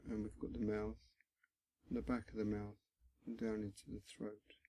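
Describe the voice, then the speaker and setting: In a completely flat, low and husky voice with some creak, a man leads a body scan meditation. He's gentle and instructional, pausing often between brief phrases, and there's a little hiss or hum in the audio.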